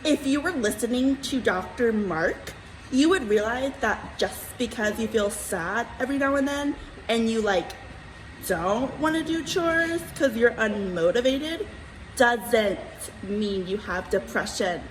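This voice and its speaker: A woman's voice: on the high side, lively intonation, a little slow, a little hiss or hum, poor audio. A woman playing a chatty, know-it-all student sock puppet in a scripted skit, talking casually and emphatically. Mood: chatty, emphatic.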